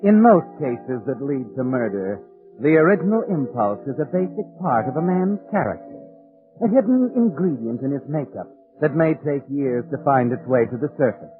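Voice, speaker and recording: Tinny 1940s radio with music, sinister American male night-walker narrator, acted by a man, theatrical, ominous, dramatically varied pitch. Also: very animated, normal speed, close to an everyday voice. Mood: knowing, grim. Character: the Whistler, sinister all-knowing night-walking mystery narrator. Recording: old narrow-band 1940s radio, music behind.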